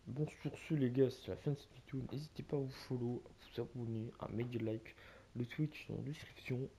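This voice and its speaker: A man's voice: mid-range voice, fairly even intonation, fairly quick, warm tone, a little hiss or hum. A young French man with a French accent giving loose, slangy commentary on a video game shop to his viewers, addressing them like friends. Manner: slangy, loose and rambling, talks to viewers as mates. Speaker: gaming YouTuber. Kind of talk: casual gameplay commentary.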